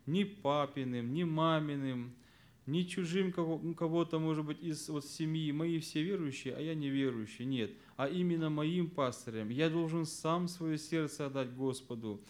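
A man's voice: fairly high pitch, normal speed. Earnest man teaching Bible lesson method. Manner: earnest, stresses key words, drops to soft voice at verse endings; explanatory, addresses listeners as friends. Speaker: Sunday school teacher.

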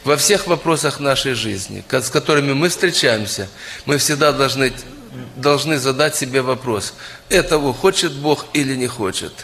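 A man's voice: mid-range voice, lively intonation, moderate pace, creaky, fairly bright tone. A middle-aged man preaching a sermon, earnestly addressing the congregation as friends. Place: church hall. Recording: long hall reverb.

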